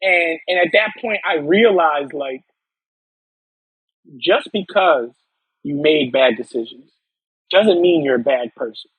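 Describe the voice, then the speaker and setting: A man's voice: a little high, slow, pauses often, a bit bright, slightly rough, no echo, low-quality recording. A man from upstate New York, a podcast guest telling his personal story earnestly, often restarting and repeating words.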